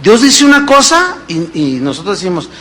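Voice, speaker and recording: A man's voice: high voice, huge pitch swings, normal speed, fairly bright tone, slight background noise. A man, preaching a sermon as pastor, emphatic, with rhetorical questions and acted-out dialogues. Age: 50s.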